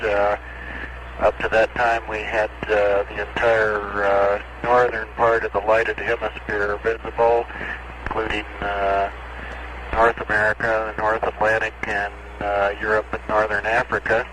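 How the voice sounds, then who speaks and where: Astronaut voice on breaking-up space radio, low-pitched man, clipped readbacks, faint hiss. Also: completely flat delivery, measured pace. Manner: clipped radio procedure, reads numbers back. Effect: crackly space-to-ground radio transmission, archive recording. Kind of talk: space-to-ground radio exchange.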